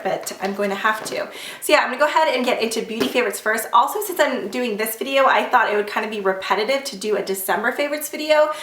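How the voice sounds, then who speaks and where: Brief: congested woman vlogger, chatty and rambling, slightly high voice, roomy echo from a distance. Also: a bit bright, slight background noise. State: congested from a sore throat. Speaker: beauty vlogger. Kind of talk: casual chat to camera.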